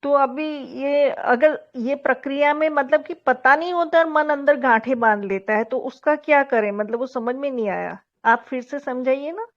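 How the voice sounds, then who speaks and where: A woman's voice: high voice, moderate pace, hardly any pauses, dull audio. A woman asking a spiritual teacher questions in a live session, searching for words and often starting over. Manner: hesitant, searching for words, many restarts.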